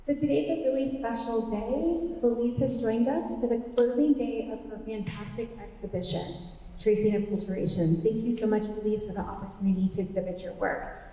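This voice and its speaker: A woman's voice: fairly high pitch, fairly quick, warm tone. A woman, a museum executive director, welcoming an audience to an art talk in a museum atrium, with a few "um" fillers. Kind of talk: event introduction. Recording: echoey hall, mic from a distance. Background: people moving through the building.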